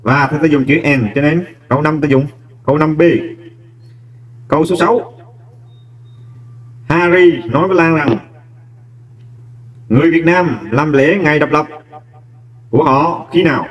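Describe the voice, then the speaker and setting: A male teacher talks students patiently through an exam question by question, his voice sitting somewhat high. He sounds a little distant from the microphone. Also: a little slow, pauses often. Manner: explains step by step, addressing students warmly as "các em". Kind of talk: exam walkthrough lesson.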